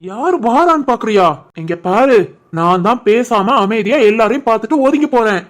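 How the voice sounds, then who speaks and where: A woman voicing a young husband and shopkeeper, teasing but caring, with a Tirunelveli Tamil accent in an animated family story. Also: on the high side, moderate pace, close to an everyday voice. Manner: teasing banter, turns soft and worried.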